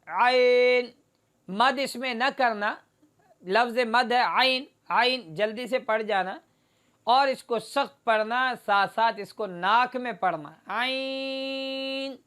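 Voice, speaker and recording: A woman's voice: fairly high pitch, a bit bright. A woman teaching a Quran recitation lesson, explaining each letter steadily and demonstrating the sounds by drawing them out and repeating them.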